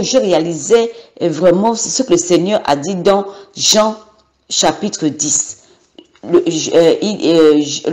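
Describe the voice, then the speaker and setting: A woman in her thirties from Gabon gives an unscripted personal testimony, hesitating and filling it with fillers and repeated words. Her voice is lowish and a little mellow.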